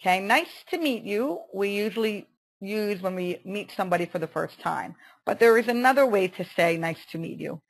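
Woman english teacher on a webinar, a bit of vocal fry, slow careful drills, lots of okays. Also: medium pitch, expressive. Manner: slow, careful pronunciation drills with many "okay"s. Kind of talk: online webinar lesson.

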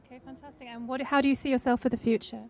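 Brief: high-voiced woman event interviewer, rapid, upbeat and encouraging. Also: level tone. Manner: upbeat, encouraging, quick follow-up questions. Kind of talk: red-carpet style interview questions. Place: outdoor charity event.

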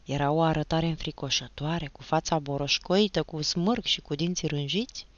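Lower-voiced woman reading a story aloud. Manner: expressive, storytelling. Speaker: audiobook narrator. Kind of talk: dramatic audiobook narration. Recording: slightly dull, dry recording.

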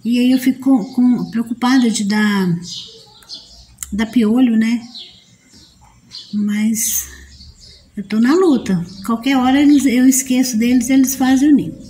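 A woman's voice: fairly high pitch, a little slow, long pauses, warm tone, slight background noise. Chatty Brazilian woman hosting a live stream. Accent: Brazilian Portuguese. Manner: chatty and homely, talks straight to viewers as friends. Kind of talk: casual live chat, reading viewer comments aloud. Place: at home near her potted plants. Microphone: phone streaming live.

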